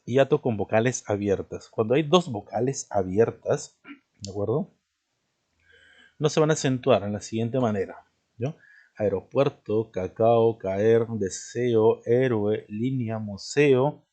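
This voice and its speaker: A man's voice: on the low side, mellow. A man teaching a recorded grammar lesson, explaining step by step and checking in with his listeners after nearly every point. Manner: explanatory, repeats "¿de acuerdo?" and "¿no?" as check-ins; spells out words slowly, stressing each example. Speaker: language teacher. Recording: dull lo-fi recording.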